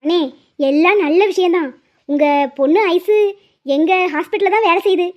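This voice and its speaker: A woman with a very high voice, speaking at a moderate pace, does cartoon voice acting as a kind, well-off middle-aged mother. Her delivery is earnest and reassuring, and the lo-fi audio sounds dull.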